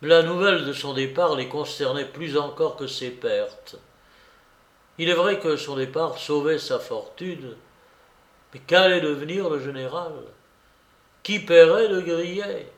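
Guy reading a novel aloud, really slow and careful, echoey room sound. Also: a little high. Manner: measured, deliberate storytelling. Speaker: audiobook narrator. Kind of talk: scripted literary narration. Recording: roomy echo.

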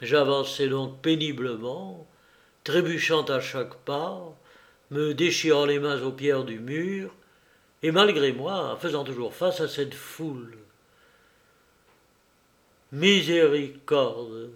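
A man reading a first-person novel aloud as an audiobook narrator, in a measured, deliberate way. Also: a little high.

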